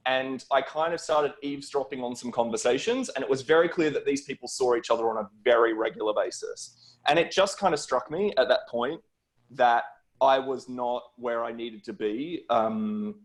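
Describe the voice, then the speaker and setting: The audio is poor as a middle-aged Australian-accented man, a guest film producer, shares stories conversationally on a video call. He speaks at a moderate pace with a medium-pitched voice.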